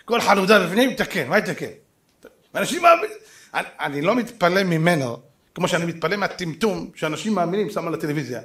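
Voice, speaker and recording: A man giving a dramatic rabbinic sermon, telling stories and acting out the dialogue, swinging from loud exclamations to hushed asides. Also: high voice, animated. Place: synagogue or lecture hall.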